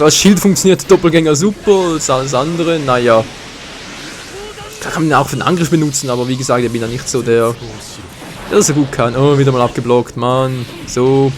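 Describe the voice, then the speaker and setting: A man with a German accent giving excited live commentary over a fighting game, groaning and swearing at his misses. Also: on the high side. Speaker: gaming commentator. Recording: game music behind. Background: faint game music.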